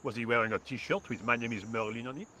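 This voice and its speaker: An actor playing a lazy, sarcastic French painter in a video game, speaking with a French accent in a dry, indifferent drawl. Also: male voice, medium pitch, fast, sharp tone, slight background noise, natural voice.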